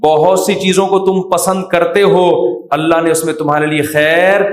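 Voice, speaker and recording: A man's voice: a little high, little pitch movement. Man preaching in an echoey room. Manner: joking, rhetorical questions to the audience. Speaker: Islamic scholar giving a talk. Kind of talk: religious lecture with humor.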